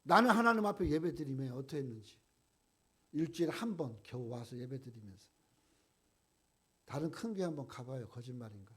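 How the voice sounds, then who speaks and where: A male pastor preaching a sermon, swinging from loud outbursts to hushed lines and acting out people's complaints in a raised voice. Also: medium pitch, lively intonation, a little fast, pauses often, husky. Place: church sanctuary.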